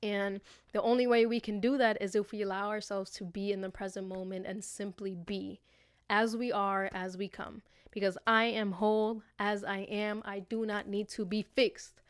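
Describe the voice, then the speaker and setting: Her voice is medium-pitched and smooth, level in tone and moderate in pace, captured with studio quality and no echo. As host of a laid-back motivational podcast, she reflects on life and speaks affectionately to listeners, swearing freely and using slang.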